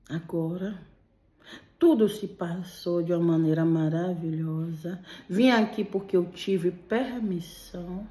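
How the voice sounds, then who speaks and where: A woman voicing the gentle, loving spirit of a dead woman, speaking slowly in a soft whisper. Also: on the low side. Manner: soft whispered, slow and tender. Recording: roomy echo.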